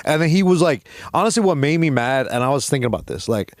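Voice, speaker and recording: Male co-host, mid pitch with lively swings, rambling and swearing, dry mic. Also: fast talker, no room sound. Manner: rambling, profane storytelling. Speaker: podcast co-host. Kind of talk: casual comedic chat.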